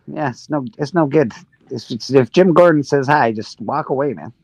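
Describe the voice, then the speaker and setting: A man's voice: medium pitch, lively intonation, moderate pace, a little mellow, slight background noise. A man co-hosting a live stream, talking bluntly in casual chat with plenty of swearing. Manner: blunt, profane, laughing. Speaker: stream co-host.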